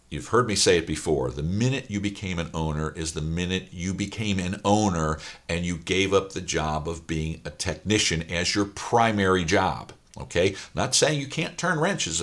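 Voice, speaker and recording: A deep-voiced middle-aged man from Ohio, a business coach for auto repair shops, speaks to the camera with a hoarse, raspy voice worn down by a weekend of talking. His delivery is emphatic and filler-heavy, and he repeats his points.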